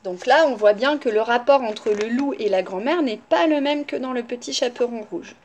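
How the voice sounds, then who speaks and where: A woman reading a children's story aloud, expressive and pausing to explain to the children. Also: a little high.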